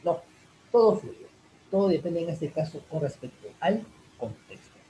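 A man teaching an online English class in Spanish, answering a student's question in a rambling way with many fillers, addressing the students warmly as "chicos". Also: a little high, sing-song, normal speed, a little hiss or hum, poor audio. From Peru. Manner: rambling, full of fillers like "en este caso" and "chicos".

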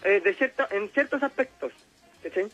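Hombre chileno de voz aguda, relato callejero. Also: male voice, high voice, lively intonation, moderate pace, fairly bright tone, lo-fi sound, soft background music. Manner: slangy, rambling, laughs often. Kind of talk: telling a personal story on call-in radio.

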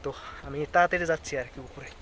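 A man's voice: a little high, very fast, a bit bright. A young man from Bangladesh with a Bangladeshi Bengali accent, chatting repetitively to his viewers as a travel vlogger outdoors on a hilltop, filmed on a handheld phone. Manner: chatty, repetitive, keeps addressing viewers as guys. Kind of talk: casual travel vlog narration. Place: outdoors on a hilltop site, in the rain. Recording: noisy outdoor phone recording.

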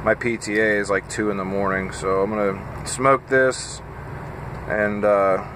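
A man in his thirties, a truck driver, chatting casually and haltingly with lots of fillers while tired and a bit scattered, filmed on a phone at arm's length in his parked cab. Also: fairly low pitch, steady tone, background noise. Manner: rambling, halting, with frequent fillers. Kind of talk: casual vlog chat. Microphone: phone camera at arm's length.

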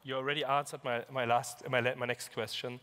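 Host, man, fast and bright, eager questions, echoey hall. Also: medium pitch, little pitch movement, clean tone. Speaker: interviewer and host. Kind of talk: stage interview. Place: large event hall on stage. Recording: long hall reverb, from off the mic.

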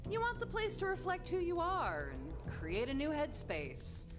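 A woman's voice: high voice, wildly swooping pitch, unhurried, music in the background, exaggerated voice. An actress playing a quirky, supportive young woman adventurer in a video game, wry and conversational. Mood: wry, helpful. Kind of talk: video game character acting.

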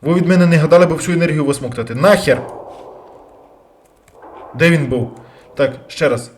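A man commentating his own gameplay, bursting into loud curses and then dropping to quiet muttering. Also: fairly high pitch, a little hiss or hum. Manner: loud outbursts and heavy swearing; jumpy, rapid switches between yelling and muttering. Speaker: let's play gamer.

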